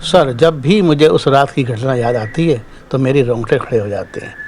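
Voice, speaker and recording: A man telling a first-person horror story in steady, dramatic scripted narration, closing as the show's host. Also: mid-range voice, moderate pace, slight background noise.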